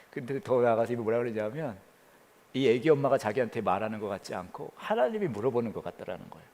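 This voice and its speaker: A man preaching as a pastor, telling a story with quoted voices and dropping to a hush near the prayer. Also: medium pitch, big-room sound. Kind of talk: sermon. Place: church during the pandemic.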